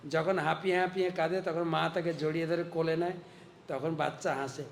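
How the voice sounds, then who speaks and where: A monk delivering a storytelling sermon, animated and dramatic, acting out the voices in the story. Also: male voice, fairly high pitch, a little fast, gravelly, slight background noise.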